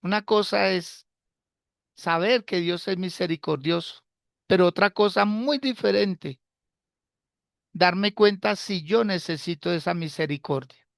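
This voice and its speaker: A man preaches at an unhurried, measured pace. His voice has a gravelly, creaky edge. He repeats key phrases and turns to the listeners with rhetorical questions. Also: high-pitched, fairly bright tone, dry recording, clean studio sound. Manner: asks the congregation rhetorical questions. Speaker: pastor. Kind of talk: sermon.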